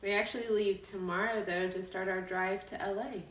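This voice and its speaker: A woman's voice: medium pitch, steady tone, moderate pace, fairly bright tone. A woman co-hosting a casual video blog, chatting in an echoey room at some distance from the microphone. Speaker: co-host of a couple's video blog. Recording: echoey room, distant mic, faint noise.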